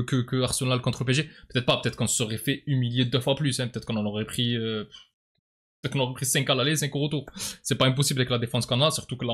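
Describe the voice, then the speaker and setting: A man with a southern French accent giving a casual football debrief as a vlogger, often repeating words and sighing as he talks. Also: medium pitch. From southern France.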